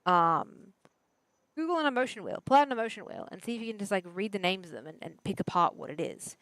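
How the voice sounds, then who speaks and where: A woman's voice: medium pitch, lively intonation, fast talker, a bit bright, no room sound. A woman therapist chatting casually while gaming, rambling with lots of fillers and self-corrections.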